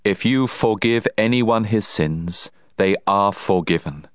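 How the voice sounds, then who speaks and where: A man voicing Jesus in a dramatized scripture reading, slow, grave and soft-spoken. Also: fairly low pitch, no echo, clean studio sound. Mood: solemn. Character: solemn, gentle adult male Jesus.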